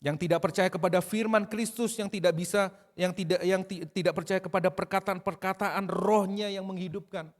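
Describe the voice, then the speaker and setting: Guy preaching, kinda high voice, chatty then fired up, lots of church hall echo. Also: brisk. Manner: conversational, animated preaching with rising emphatic outbursts. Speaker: pastor. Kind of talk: sermon. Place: church service. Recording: long reverb of a church hall.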